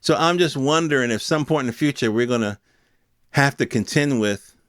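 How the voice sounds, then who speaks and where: Speaking at a normal speed in a mid-range voice, this American podcast host delivers an off-the-cuff, colloquial opinion monologue. He fires off rhetorical questions and imitates imagined speakers, recorded in studio quality with no echo.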